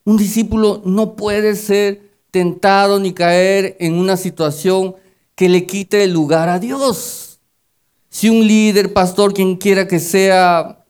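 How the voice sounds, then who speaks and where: A man preaching a sermon to his congregation as their pastor, telling personal stories and rising loud when he exhorts. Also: high voice, clean tone.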